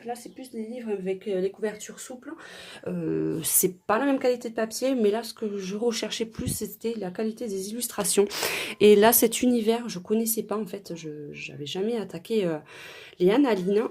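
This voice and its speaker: A woman's voice: medium pitch, dark tone, breathy edge. A woman vlogger chatting casually as she shows her coloring books, with many fillers and restarts. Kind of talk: casual show-and-tell chat.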